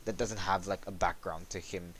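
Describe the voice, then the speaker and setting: A man hosting a casual chat about developing a game, talking in a monotone with lots of halting fillers. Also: low voice, a little hiss or hum.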